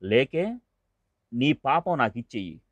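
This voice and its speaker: A man reading the part of a calm older male sage who speaks in a measured, mildly scolding way, in a dull, dry recording. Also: mid-range voice, no room sound. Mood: teasing.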